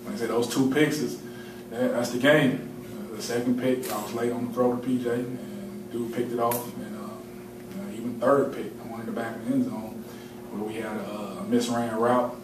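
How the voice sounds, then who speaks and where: A man's voice: medium pitch, fairly even intonation, normal speed. A man answering at a postgame press conference, candid and self-critical, with many fillers. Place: large press room. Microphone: table mic, heard from a distance. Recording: roomy, distant, noisy press room audio.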